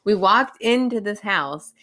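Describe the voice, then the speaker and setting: Lively woman telling a story. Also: mid-range voice, a little slow. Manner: animated storyteller, laughs often. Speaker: podcast co-host. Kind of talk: casual chat, storytelling.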